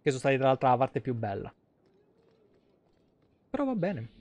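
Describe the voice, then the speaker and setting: Medium-pitched yet wildly swooping, his darkish voice moves at a moderate pace, with no room sound and the highs cut off. He's a thirty-something streamer and host from central Italy with a Roman accent, thinking aloud in salty, colloquial gameplay commentary from home.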